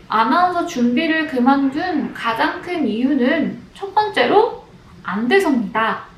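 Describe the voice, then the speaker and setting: A young woman speaks in a fairly high voice, telling her own story in a calm, measured way with a few restarts. The room around her gives the voice a noticeable echo, and a faint hum of ambience sits underneath. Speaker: vlogger, former announcer job seeker. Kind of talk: casual personal storytelling to camera.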